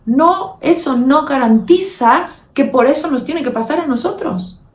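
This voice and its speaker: Woman doing a motivational podcast, emphatic, calls you "mi amor", kinda high voice, roomy sound, a bit far from the mic. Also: animated, measured pace. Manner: emphatic, addresses listener as "mi amor". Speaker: podcast host.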